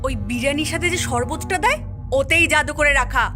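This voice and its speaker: A woman's voice: high voice, fairly quick, music in the background, close to an everyday voice. A woman voicing a frightened young housewife in a cartoon, stammering in fear. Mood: anxious. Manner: stammering, fearful. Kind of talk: cartoon voice acting.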